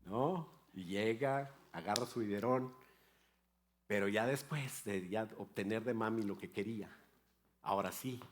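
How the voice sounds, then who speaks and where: A man's voice: lowish voice, a little slow. An older man, a pastor, preaching a sermon in a storytelling way with playful asides about his grandchildren.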